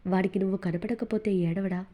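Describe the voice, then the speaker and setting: A woman's voice: medium pitch, steady tone, a little fast, warm tone, close to an everyday voice. Woman voicing a bossy, teasing young man. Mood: reassuring. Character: commanding, teasing, protective young man, a boss.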